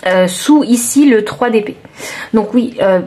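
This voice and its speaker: A woman's voice: a little high, a little slow, dark tone. A woman with a southern French accent doing a tarot card reading for viewers, thinking aloud with many hesitations. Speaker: tarot reader.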